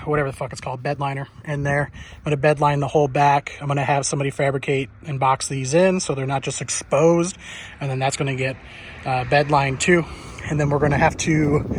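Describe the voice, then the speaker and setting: A man's voice: fairly high pitch, slight background noise. A man giving a casual, unscripted walkaround of a busy car workshop, talking in a blunt, offhand way with some swearing. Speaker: car shop owner giving a walkaround tour. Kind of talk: casual unscripted video tour. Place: busy car workshop, walking among cars.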